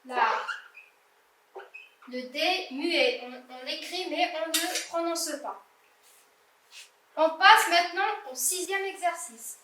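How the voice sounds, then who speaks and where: A woman's voice: very high voice, slow, sharp tone, echoey room, distant mic. A young woman teacher correcting a primary-school reading exercise, patiently spelling out words letter by letter. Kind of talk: slow classroom exercise correction.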